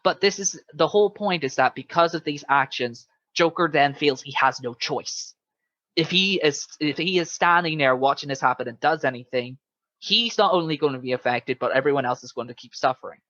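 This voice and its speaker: A man's voice: a little high, fairly quick, bright, forceful tone, no echo. Guy podcaster chatting about video games, acts out quotes as he goes, bit lo-fi and muffled. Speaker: podcast co-host. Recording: dull, muffled lo-fi sound.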